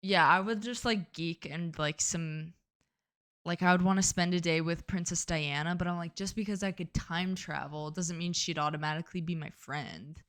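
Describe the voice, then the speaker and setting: A woman's voice: fairly low pitch, fairly even intonation, moderate pace, fairly bright tone. A young woman co-hosting a podcast in casual chat, talking chattily and self-deprecatingly with lots of "like.". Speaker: podcast co-host.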